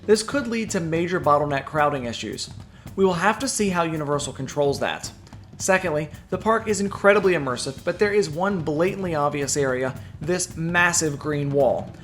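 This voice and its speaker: A man's voice: fairly high pitch, animated, moderate pace, a bit bright, a little hiss or hum. A man reading a scripted voice-over as a video narrator, in an enunciated, presentational way. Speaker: theme park news video narrator.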